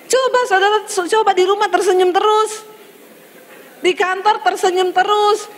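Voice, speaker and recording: A woman pastor preaching a sermon in a lively, humorous storytelling manner, calling out to the congregation. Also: very high voice, moderate pace, a little hiss or hum.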